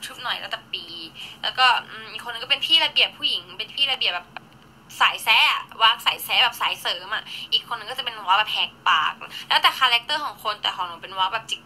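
A woman's voice: on the high side, animated, fast talker, sharp tone, a little hiss or hum, rough recording. A woman in her twenties chatting casually on a live stream, snacking and thanking viewers as she talks. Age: 20s. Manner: chatty, eats and reads viewer gifts while talking.

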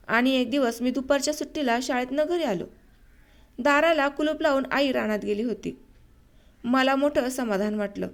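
A woman narrating a short story for an audiobook in a measured, unhurried reading. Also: sits high.

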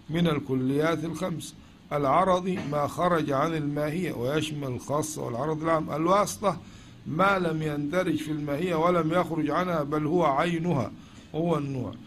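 Egyptian man lecturing, raised pitch. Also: a little hiss or hum. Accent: Egyptian Arabic. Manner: asks questions and answers them himself. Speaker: teacher of logic. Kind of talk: classroom lecture.

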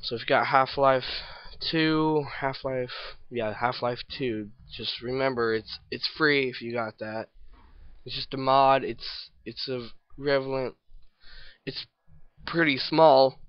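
A man's voice: medium pitch, steady tone, slow, clean tone, no echo, muffled recording. A man casually commenting over his own gameplay, rambling and self-deprecating, with hiccups and yawns. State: hiccups and yawning. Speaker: gameplay video maker.

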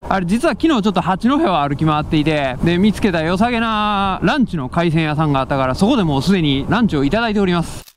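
A young motovlogger with a Kansai Japanese accent chats and jokes to himself while vlogging outdoors by the sea, caught on an action camera mic. His high-pitched, expressive voice races along with hardly any pauses, carrying a little hiss or hum.

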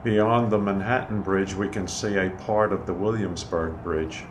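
A man narrating a casual walking tour in a measured, informative way, speaking from behind a handheld camera outdoors on a city pier. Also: low voice, steady tone. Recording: camera audio with clear outdoor noise.

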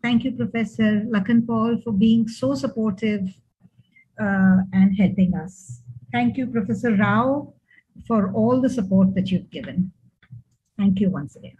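Older indian accent lady saying thanks n reminiscing, raspy, muffled video call. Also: mid-range voice, measured pace, dark tone. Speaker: speaker giving thanks and family memories. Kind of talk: informal speech of thanks and reminiscence. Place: indoor room, on a video call. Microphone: computer mic on video call. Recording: dull video call audio.

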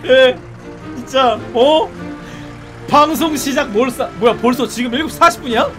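A man streaming a driving game live, talking to his viewers and breaking into excited, repeated shouts. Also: very high-pitched, moderate pace, music in the background.

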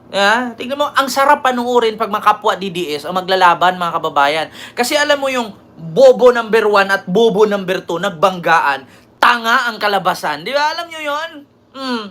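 A woman's voice: mid-range voice, sharp tone. A woman hosting a political commentary show, mocking and scornful, constantly asking her listeners for agreement.

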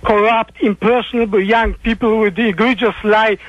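A man's voice: high voice, steady tone, moderate pace, no room sound. A man from Colombia with a Colombian accent, calling in to a radio show and ranting in dogmatic, formal, stilted diction. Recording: dull lo-fi phone call on radio.

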